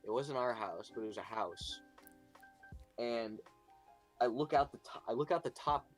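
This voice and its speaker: A man chatting casually on a stream, telling a story in a halting, hesitant way. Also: medium pitch, soft background music. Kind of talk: casual group chat on stream.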